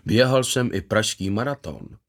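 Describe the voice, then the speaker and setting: A man voicing an eager, gentle fifty-something man. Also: on the low side, lively intonation. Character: gentle content man in his fifties, former footballer. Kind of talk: voiced character in a read story.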